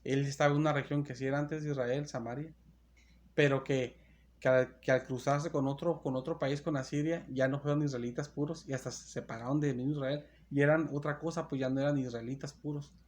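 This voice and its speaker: A man's voice: mid-range voice, steady tone, a little fast. A man preaching a sermon in a church, reading Bible verses aloud and explaining them, often restarting and correcting himself. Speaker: pastor.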